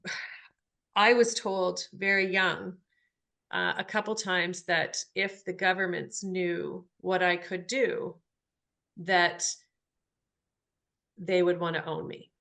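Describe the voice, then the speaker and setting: A woman's voice: lowish voice, level tone, slow pace, gravelly, long pauses, fairly bright tone. A woman hosting a spiritual podcast, talking earnestly about soul, energy and healing. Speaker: podcast host.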